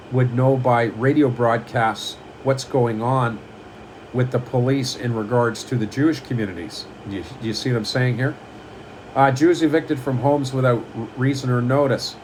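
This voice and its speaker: A man's voice: medium pitch, fairly even intonation, moderate pace, a little hiss or hum, low-quality recording. A man giving a lecturing monologue, reading items from a list and repeating them, often asking the listener whether they understand. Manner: repeats himself, asks "do you understand?". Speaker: channel host.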